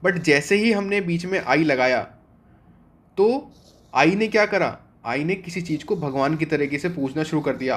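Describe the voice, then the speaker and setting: A young man teaching an online vocabulary class for exam prep, his voice sitting a little on the high side. He walks through each word step by step and puts questions to the class that he answers himself.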